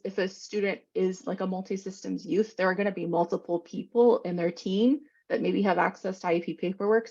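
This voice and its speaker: A woman presents a training session over a video call, talking fast and loosely, with plenty of "um"s. Her voice is gravelly and husky, and the call audio sounds muffled and dull. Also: medium pitch. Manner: quick, informal explaining with many fillers. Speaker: presenter on special education law.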